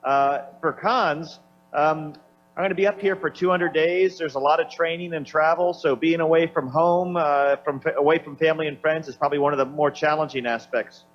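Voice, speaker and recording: A man with a slightly high, steady voice speaks at normal speed, answering questions as an astronaut aboard a space station. Over the radio downlink he talks unscripted and searches for words, and the audio is slightly dull with a faint hum.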